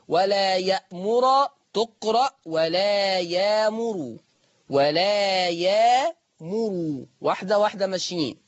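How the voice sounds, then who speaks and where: A man with an Egyptian accent teaching Quran recitation rules step by step in colloquial speech, drawing out the example words slowly. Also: sits high, a bit bright, no room sound, dull audio. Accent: Egyptian Arabic. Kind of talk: lesson on the reading of Warsh.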